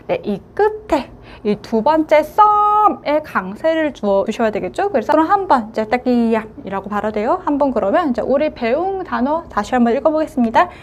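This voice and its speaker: A woman with a high voice teaches a language lesson. She models words slowly and stretches out the sounds. Her explanations keep returning to a short filler word. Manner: slow, drawn-out modelling of words, frequent "자".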